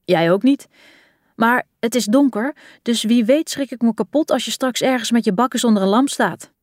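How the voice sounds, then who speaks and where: A woman's voice: a little high, normal speed, no room sound, clean studio sound, voice pushed up, close to an everyday voice. A woman doing a teasing young Amsterdam woman. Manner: teasing, brash.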